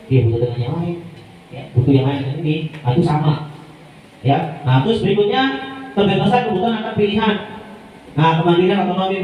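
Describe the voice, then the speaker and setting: A teacher trainer leads a lively workshop for teachers in a chatty, informal way, often turning to the audience and acting out how teachers talk. His voice sits on the high side with a warm tone. Recorded from a distance in an echoey room, there is a little hiss or hum.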